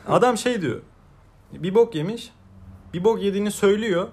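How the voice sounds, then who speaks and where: Young male co-host with a slightly higher voice, animated and jokey, breaks into laughter. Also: moderate pace, breathy edge. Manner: animated, laughs often, acts out quoted people. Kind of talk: casual chat.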